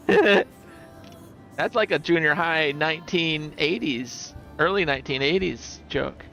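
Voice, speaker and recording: A man's voice: on the high side, slow pace, creaky, pushed and bright, soft background music, rough recording. A middle-aged man hosting a casual gaming livestream, rambling and chuckling as he tells stories. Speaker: livestream host.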